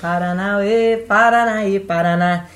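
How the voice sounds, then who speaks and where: A woman's voice: medium pitch, fairly even intonation, slow, reverberant. A Brazilian woman co-hosting a casual podcast, chatting and thinking aloud with frequent restarts. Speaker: podcast co-host.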